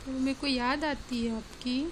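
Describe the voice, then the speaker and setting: A woman's voice: high voice, steady tone, measured pace, fairly bright tone. A mother coaxing her baby in sing-song baby talk, repeating her phrases, on a noisy home recording.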